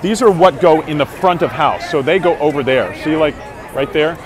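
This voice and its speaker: A man in his forties, a Broadway actor, vlogs live on his phone while wandering a street fair, chatting upbeat with viewers and using lots of fillers. His voice is a little high and his speed normal. He's on a crowded city street outdoors, talking into an earbud headset mic with the phone at arm's length, street crowd behind him.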